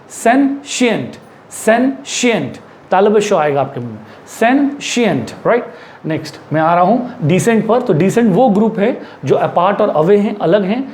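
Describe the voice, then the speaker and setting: Mixing Hindi and English, an Indian-accented man teaches English vocabulary aloud, asking the viewer questions and going over words repeatedly. He has a high voice with a somewhat dark tone, and a little background noise can be heard.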